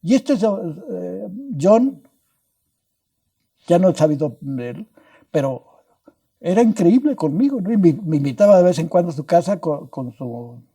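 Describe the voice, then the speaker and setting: An older scientist with a Mexican Spanish accent, guesting on an interview podcast, tells stories unhurriedly with big pitch swings and frequent pauses. His slightly high voice is deeply mellow and dark; he rambles, repeats himself, restarts words, and adds little tag questions.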